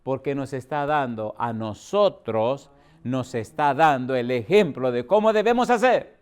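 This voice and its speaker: A man's voice: mid-range voice, animated, measured pace, clean tone. A middle-aged male pastor from the Dominican Republic, preaching a storytelling sermon with rhetorical questions and acted-out dialogue.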